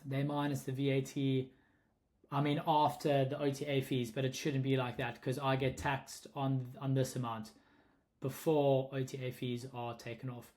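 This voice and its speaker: A young South African man hosts short-term rentals and casually talks through pricing in a screen-recorded tutorial, thinking aloud and frequently correcting himself. His mid-range voice is level and a little mellow, at normal speed.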